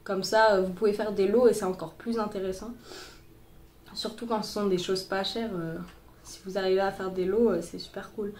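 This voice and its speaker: Steady and medium-pitched, with a darkish tone and normal speed, this young sewing vlogger talks casually through her tutorial amid fillers and restarts, a bit stuffy from a cold. Her boyfriend's phone captured her in a roomy-sounding space.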